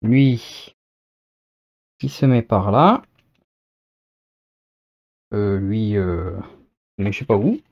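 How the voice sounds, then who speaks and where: A man's voice: lowish voice, animated. Chatty man unboxing, dull lo-fi sound. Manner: chatty, thinks aloud, reads product text slowly. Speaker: unboxing video host. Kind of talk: casual unboxing commentary.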